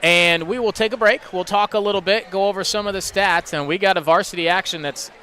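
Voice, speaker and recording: A man calling a high school basketball game live for radio, in a high, bright voice. He runs quickly through each play and chats with his co-hosts between them. Faint gym noise sits behind him. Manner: rapid play-by-play, chatty with co-hosts. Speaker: play-by-play announcer.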